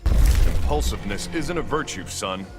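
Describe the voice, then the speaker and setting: A man's voice: on the low side, expressive, normal speed, close to an everyday voice. Man playing the Flash, earnest old-school American superhero. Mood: earnest, stern. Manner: earnest, principled, fatherly. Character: upstanding veteran superhero speedster, old-fashioned mentor. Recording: loud music under the voice.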